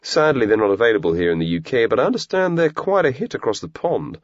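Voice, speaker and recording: A man's voice: medium pitch, sing-song, quick pace, no room sound, dull audio, voice pushed up, lightly acted. A man voicing a pompous, sarcastic young male activist hosting a webcast, talking in a theatrical way. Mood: mocking.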